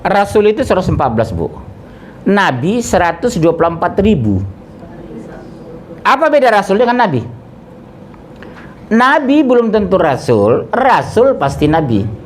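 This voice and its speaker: A man's voice: sits high, a little hiss or hum. A middle-aged man, a preacher, leading an interactive religious study and quizzing his listeners. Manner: questions the audience, lively, jokes. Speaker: ustadz, preacher.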